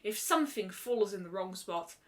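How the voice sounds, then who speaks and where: A woman voicing a calm, grave pony princess who speaks in a measured, formal way, in a story reading. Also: mid-range voice, lightly acted. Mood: solemn.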